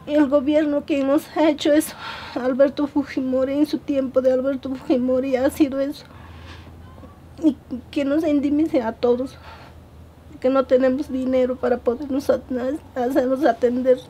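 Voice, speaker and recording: A woman from Peru, giving a halting, earnest documentary testimony with many repetitions. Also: high-pitched, mellow, slight background noise. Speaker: interviewee.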